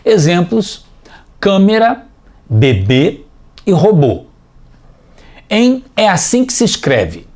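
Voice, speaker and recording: A man leads a scripted children's lesson as the teacher. He speaks slowly and patiently in a fairly high voice. His pitch rises and falls a lot as he explains each point. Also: wildly swooping pitch, darkish tone. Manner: clear, patient, explaining step by step.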